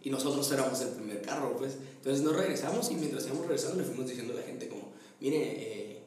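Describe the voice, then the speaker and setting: A young man with a Guatemalan accent telling a story in casual chat, animated and quick to laugh, acting out his family. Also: mid-range voice, recorded from a distance. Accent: Guatemalan Spanish. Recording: echoey room, voice a bit off-mic, faint ambience.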